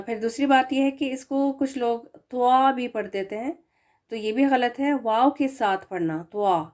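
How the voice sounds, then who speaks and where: A woman teaching Quran recitation, explaining each letter slowly, sounding out syllables and drawing out example words. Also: medium pitch, darkish tone. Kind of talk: spoken lesson on letter pronunciation.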